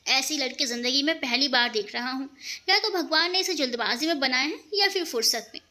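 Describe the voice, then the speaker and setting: A woman voicing a calm, quick-witted young male lecturer with a dry wit. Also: high-pitched. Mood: amused. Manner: dry, witty.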